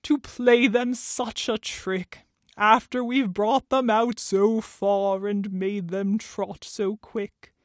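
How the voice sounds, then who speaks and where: A pompous, silver-tongued walrus from a storybook poem, played by a woman. The words come slowly and grandly, stretched out with theatrical relish. The sound is dry, with no room around it. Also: medium pitch, fairly even intonation, dry recording, natural voice. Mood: falsely sorrowful. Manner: slow, drawn-out, grandly theatrical speech. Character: pompous, smooth-talking walrus luring young oysters. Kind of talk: storybook verse character voice.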